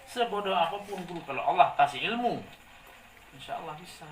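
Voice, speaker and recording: A male preacher giving a lively sermon, asking the congregation to complete his sentences. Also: sits high, a little fast. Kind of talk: sermon with call-and-response. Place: hall with a gathered congregation. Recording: echoey room, distant mic, faint noise.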